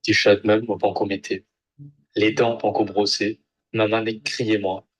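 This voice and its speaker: A man's voice: on the low side, flat delivery, moderate pace, slightly rough, poor audio. A man from Mauritius with a Mauritian accent, reciting a poem in short phrases. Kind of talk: poetry recitation in Mauritian Creole.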